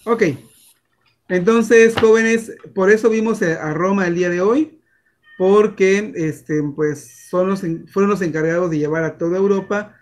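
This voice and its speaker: A man's voice: high-pitched, measured pace, a little hiss or hum. A Mexican man teaching a class over a video call, chatty and full of fillers and restarts. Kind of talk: online class lecture.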